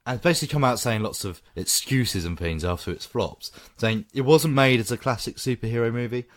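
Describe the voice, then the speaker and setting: A man co-hosting a podcast, giving opinionated, animated takes in casual film chat. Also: mid-range voice, fairly quick. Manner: opinionated, animated, laughs often. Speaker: podcast co-host.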